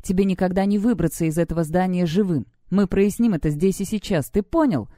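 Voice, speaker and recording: A woman's voice: brisk, mellow, dry recording, studio quality, lightly acted. A woman voicing a frightened teenage schoolgirl who turns frantic and threatening. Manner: trembling, then shrill and threatening.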